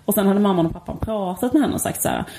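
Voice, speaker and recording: A woman's voice: mid-range voice, a little hiss or hum. A woman co-hosting a podcast in casual chat, telling stories animatedly. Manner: animated storytelling, acting out quotes. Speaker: podcast co-host.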